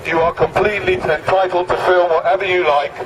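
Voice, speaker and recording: A man with a high voice making mock-polite announcements through a megaphone. It booms and rings out from a distance. Steady street noise sits under it. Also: a little fast. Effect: speaking through a megaphone. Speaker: street activist. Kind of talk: ironic public announcements. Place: busy city street outdoors.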